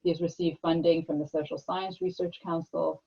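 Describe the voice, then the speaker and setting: Gravelly, low-fi panel host. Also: little pitch movement, moderate pace, warm tone. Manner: formal, reading from notes with small stumbles. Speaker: event host introducing panelists. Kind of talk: scripted introductions read aloud at an online panel. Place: online video call. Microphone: video call microphone. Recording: muffled video-call audio.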